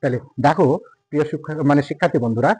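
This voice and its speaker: A man's voice: a little high, very fast, a little mellow, slightly rough, dry recording, rough recording. A man teaching an English lesson, patiently repeating words and counting aloud. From India. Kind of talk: classroom lesson explaining pronunciation.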